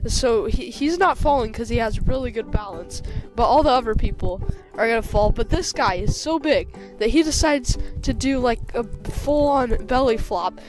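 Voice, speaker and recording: A woman's voice: on the high side, normal speed, few pauses. Rambling woman telling a game story. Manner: rambling, many fillers and restarts. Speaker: storyteller of a game role-play. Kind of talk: casual improvised storytelling. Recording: background music playing.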